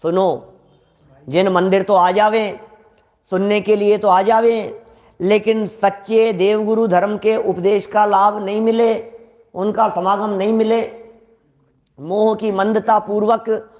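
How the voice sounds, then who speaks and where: Slowly and animatedly, a Jain scripture lecturer with a notably high voice talks to his listeners as if in conversation, stressing key lines through repetition. Now and then he dramatizes ordinary everyday conversations to make his case.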